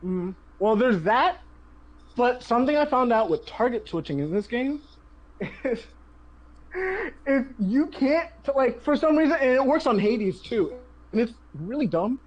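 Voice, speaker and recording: A chatty host talks over a game run in casual commentary, cutting in with tips and laughing often. Pitch sits mid-range but moves a lot. The delivery stays loose and conversational. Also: lively intonation, measured pace, lo-fi sound. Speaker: speedrunner and channel host.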